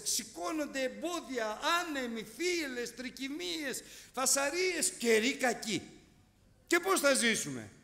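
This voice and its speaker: Animated Greek preacher in a reverberant hall. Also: male voice, very high voice. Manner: animated, storytelling with sound effects. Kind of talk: sermon.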